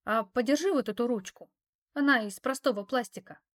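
A woman reading the part of an eager young man, brisk and helpful, in an audiobook story. His lines come quick and keen. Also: a little high, close to an everyday voice.

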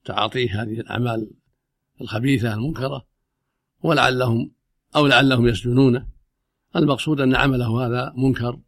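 A man's voice: medium pitch, dry recording, studio quality. A man speaking as an Islamic scholar, giving unscripted religious rulings in formal Arabic in a stern, emphatic, repetitive manner. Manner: stern, emphatic, repeating himself.

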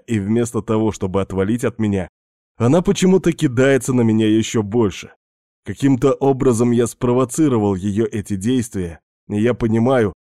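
A man's voice: medium pitch, mellow, no echo, studio quality. A man reading a first-person story aloud in a plain, matter-of-fact way. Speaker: narrator.

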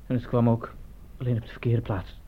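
An actor playing a defiant, stubborn young injured prisoner in a radio drama. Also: male voice, medium pitch, level tone, a little fast, slight background noise, natural voice. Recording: dull lo-fi radio play recording.

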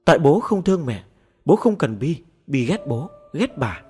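A man doing a high tearful little ghost girl. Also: big pitch swings, moderate pace, a little mellow, soft background music. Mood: sulky. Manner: high childish pleading, tearful.

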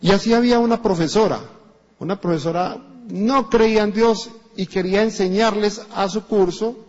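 A man preaching a sermon in a church with a Colombian Spanish accent, animated and acting out the voices of people in his stories. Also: high voice, moderate pace. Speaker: pastor. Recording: dull echoey church recording.

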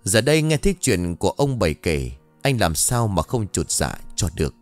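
Guy reading an audiobook, low voice, dry close sound. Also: big pitch swings, moderate pace, dry recording. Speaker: narrator. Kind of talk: audiobook narration. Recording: faint background music, dry studio.

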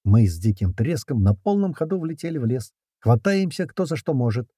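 A man reading an action story aloud in the first person, with brisk, slangy narration and shouted lines for the characters. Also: mid-range voice, big pitch swings, husky, no echo, clean studio sound. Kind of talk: audiobook narration with character voices.

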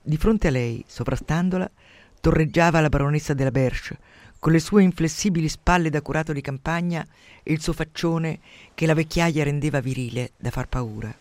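Expressive male radio reader. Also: on the high side, moderate pace, no room sound. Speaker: radio host reading and discussing a novel. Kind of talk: literary reading and commentary on radio.

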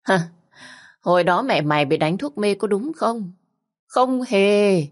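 A woman's voice: mid-range voice, animated, slow, voice pushed up. A woman doing a sneering male kidnapper. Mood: taunting. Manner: sneering, blunt threats. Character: mocking middle-aged male kidnapper, coarse and taunting.

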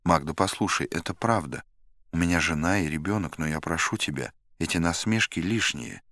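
A deep, anxious middle-aged man, as a male reader plays him in an audiobook. He pleads and frets in a low, dry voice. The recording is close and dead. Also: lively intonation, moderate pace, a bit bright, no echo. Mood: pleading. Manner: pleading, nervous.

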